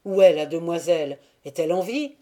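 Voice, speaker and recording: A woman voicing a young Cossack man who speaks in loud, urgent, pressing questions in an audiobook. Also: fairly low pitch, lively intonation, a little fast, natural voice.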